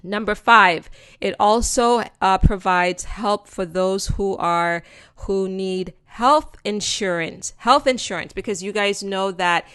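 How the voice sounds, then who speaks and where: A woman with a Jamaican accent hosts a news-explainer channel, talking casually over slides in a slow, medium-pitched, slightly bright voice. She's chatty and informal, calls viewers friends and "guys," and says "um" a lot. The recording is clean, dry and studio quality.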